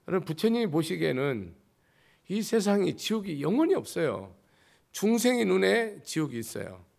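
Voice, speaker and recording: Preaching in a high-pitched, faintly hoarse voice, this male Buddhist monk drives his message home through rhetorical questions and abrupt swings from loud to soft.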